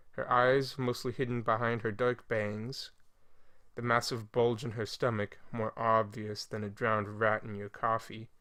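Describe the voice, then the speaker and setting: Male narrator, first-person story, measured reading, mid-range voice. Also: medium pitch, a bit bright.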